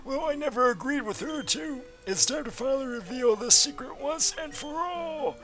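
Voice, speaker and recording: A man's voice: very high voice, lively intonation, normal speed, pushed and bright, pitched above the performer's own voice, heavily acted, poor audio. A man voicing a rambling elderly male professor who talks through his dentures, in a quavering, long-winded way, over game music. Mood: storytelling.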